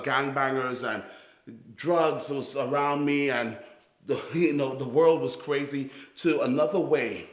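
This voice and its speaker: Speaking in a mid-range voice, a Trinidad-born youth theatre founder and director reflects on his personal story to camera. His Trinidadian accent carries New York influence, and his earnest, halting delivery is full of restarts, heard in an echoey room.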